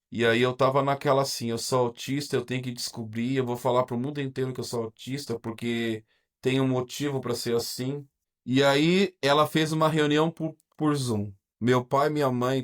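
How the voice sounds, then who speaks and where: A Brazilian man with a Brazilian Portuguese accent, a guest in an interview, telling his own story in a candid, reflective way, hesitating and restarting often. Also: medium pitch. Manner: halting, hesitant, frequent restarts and pauses. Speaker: podcast guest, teacher.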